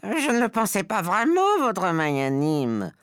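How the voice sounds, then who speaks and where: A woman's voice: mid-range voice, wildly swooping pitch, measured pace, dry recording, clean studio sound. A woman playing a terrified female witch begging for mercy in an audio drama. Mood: pleading. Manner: begging, frightened.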